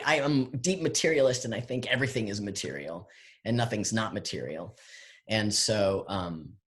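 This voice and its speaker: A man, a guest artist, answering audience questions in a halting, rambling way full of fillers and restarts, heard over a video call. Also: on the low side. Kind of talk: casual conversation, answering questions.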